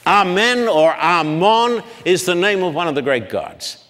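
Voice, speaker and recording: Slow, deliberate male Bible lecturer. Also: high voice, expressive, fairly bright tone. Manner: slow, deliberate, sounds out names syllable by syllable. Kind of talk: public Bible lecture with blackboard. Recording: long hall reverb.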